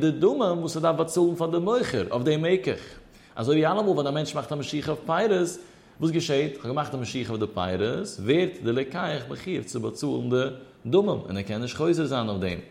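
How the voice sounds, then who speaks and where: A man gives a traditional study lecture on religious law in a lilting chant, his pitch climbing and dropping. He poses questions and answers them himself. His voice sits at an ordinary middle pitch. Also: darkish tone. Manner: sing-song, rising and falling study chant.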